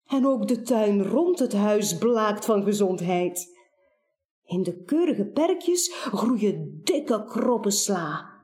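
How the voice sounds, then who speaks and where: A woman reading a children's story aloud, expressive and speaking to the listener. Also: mid-range voice, takes it slowly.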